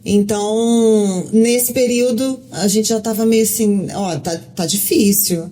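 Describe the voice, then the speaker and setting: Guest journalist, woman, mid-pitched, mellow tone, talkative storytelling. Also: fairly even intonation, unhurried. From Rio de Janeiro, Brazil. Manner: talkative, lots of fillers and restarts. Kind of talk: casual interview chat.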